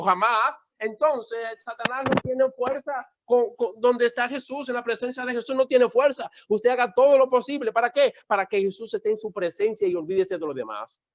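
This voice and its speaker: Male pastor, emphatic sermon delivery, high voice, dry dull recording. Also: no room sound. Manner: emphatic preaching with repeated calls for the congregation to answer.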